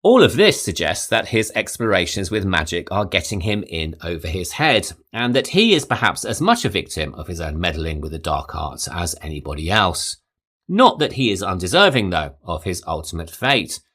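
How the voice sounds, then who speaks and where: A podcast host gives scripted film commentary in a very low voice with a bright edge. He speaks in a measured, articulate way, and a lively rise and fall in pitch emphasizes each point.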